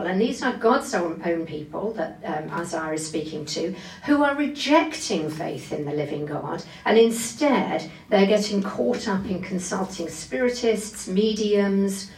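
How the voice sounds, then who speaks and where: A woman preacher gives an expository Bible talk, explaining carefully and leaning on key phrases. Her mid-range voice is expressive and a little slow. The recording sounds echoey, with a distant microphone.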